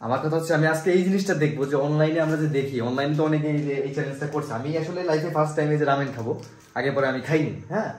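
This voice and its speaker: Fast-talking young Bangladeshi man, chatty. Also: on the high side, darkish tone. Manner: chatty, joking, informal. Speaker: vlogger hosting a food challenge. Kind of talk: casual vlog chat. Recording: roomy echo, music underneath.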